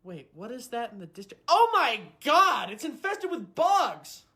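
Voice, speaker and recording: Man acting an animated, exasperated store clerk. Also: sits high, a little fast. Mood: disgusted, indignant. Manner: incredulous, indignant. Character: exasperated young male game store clerk. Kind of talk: comedy skit.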